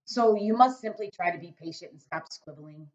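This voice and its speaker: A woman voicing a huge, very old, kindly male giant who talks loudly with jumbled grammar and made-up words, in a storybook reading. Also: lowish voice, expressive, moderate pace, muffled recording, close to an everyday voice. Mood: earnest.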